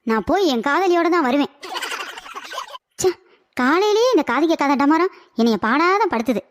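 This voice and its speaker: A woman's voice: high-pitched, big pitch swings, normal speed, slight background noise. A woman doing a whiny, henpecked old husband. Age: older. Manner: whiny, pleading, dreamy. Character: henpecked older husband, lovesick and foolish. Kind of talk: cartoon comedy voice acting.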